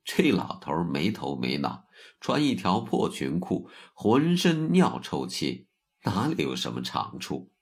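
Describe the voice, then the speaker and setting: A man's voice: deep voice, big pitch swings, moderate pace. A man voicing a proud young male monk in a told story. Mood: scornful.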